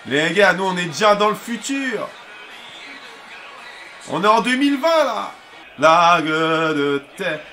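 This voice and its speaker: A man doing loud, excitable live commentary on a football video game, with frequent outbursts and swearing. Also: sits high, slow pace, long pauses. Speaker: gaming streamer. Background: music playing.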